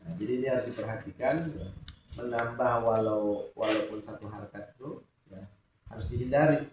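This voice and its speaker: A man teaching Quran recitation in a relaxed religious lesson, often asking questions for his students to answer. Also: fairly low pitch, a little fast, a little hiss or hum. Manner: asks students questions and lets them answer. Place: mosque study hall. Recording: echoey room, distant mic, dull sound.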